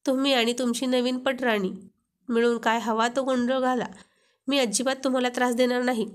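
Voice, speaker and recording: A woman's voice: a little high, little pitch movement, a little fast, lightly acted. A woman voicing a shy young wife who flares up and gets flustered at her husband's teasing. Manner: coy, flustered.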